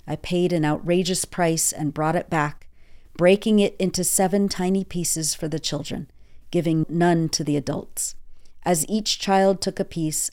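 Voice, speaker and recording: A woman hosting a newscast, reading quoted accounts in a measured, earnest way. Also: on the low side, a little mellow. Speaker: news host. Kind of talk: scripted news narration.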